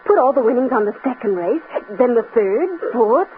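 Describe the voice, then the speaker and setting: An actress playing a practical, persuasive young fiancée with an American accent in an old-time radio drama. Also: female voice, fairly high pitch, expressive, normal speed, phone-quality sound, close to an everyday voice. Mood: coaxing, persuasive. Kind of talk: mid-century American radio drama acting. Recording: scratchy, band-limited old radio recording with noise.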